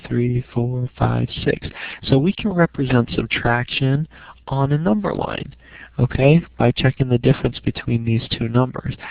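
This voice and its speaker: Working through a math lesson step by step, this middle-aged teacher keeps things informal and checks in often with "okay." His voice is mid-range and gravelly. Recorded in a small home room, the lo-fi audio is dry and dull, with no room sound.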